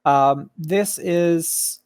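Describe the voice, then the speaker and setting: A man at an online community meeting, explaining his views in a measured way with frequent ums. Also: fairly high pitch, a little mellow, clear, resonant tone, no echo, clean studio sound. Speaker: staff member at a community meeting. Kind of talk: casual voice chat.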